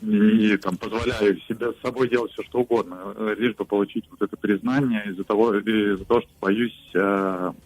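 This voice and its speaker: A man in his late twenties calling a radio show, speaking hesitantly with many pauses. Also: on the low side, fairly even intonation, darkish tone, low-quality recording. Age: late 20s. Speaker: caller. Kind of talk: phone-in question.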